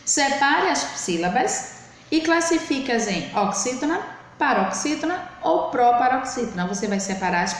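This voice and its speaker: A woman teacher speaks slowly and patiently to young pupils in a remote lesson, drawing out each word syllable by syllable. Her voice sits fairly high. It rings around a very echoey room, with faint noise underneath. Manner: slow, patient, spells words out syllable by syllable. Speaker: primary school teacher. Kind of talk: recorded remote lesson for children.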